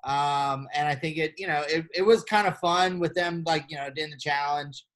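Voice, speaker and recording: A podcast co-host with a fairly high voice speaks at a normal pace, loose and playful, full of fillers and the odd swear word. He reads out gossip with animated glee in a casual chat.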